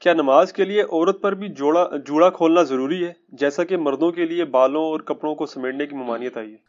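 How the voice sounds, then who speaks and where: A man's voice: a little high, dull audio. A man politely reading out an audience question to a religious lecturer.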